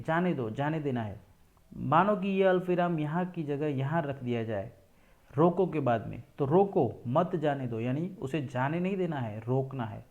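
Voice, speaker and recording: Male teacher, slightly high voice. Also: darkish tone, highs cut off. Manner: explains step by step, repeats and rephrases examples. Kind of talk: school grammar lesson.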